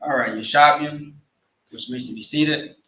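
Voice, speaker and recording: Unhurried and fairly bright, this man's medium-pitched voice keeps fairly even intonation as he leads an online religious service as a priest. Teaching in a live-streamed sermon recorded in an echoey room, he keeps checking in with short tags like "all right?" and "okay?".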